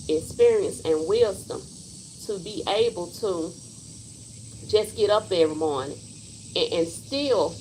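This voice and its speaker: A woman's voice: mid-range voice, slight background noise, low-quality recording. A woman in her forties, hosting a casual livestream and speaking her mind bluntly and emphatically. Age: 40s. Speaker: livestream host.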